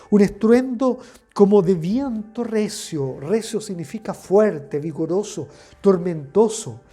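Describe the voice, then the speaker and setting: A woman's voice: lowish voice, dark tone. A woman giving a devotional sermon, explaining scripture step by step and asking the listener rhetorical questions. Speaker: preacher.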